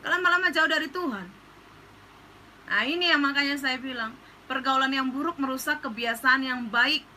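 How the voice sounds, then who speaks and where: A woman's voice: high-pitched, moderate pace, pushed and bright, slight background noise, low-quality recording. A woman pastor giving an earnest, casual counseling talk that slips into slang.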